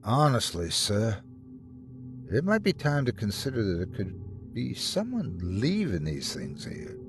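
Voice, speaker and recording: A man's voice: lowish voice, wildly swooping pitch, unhurried, over music, full character voice. A man voicing an older male pest exterminator in a narrated horror story, blunt, cautious and matter-of-fact. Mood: grave, reluctant.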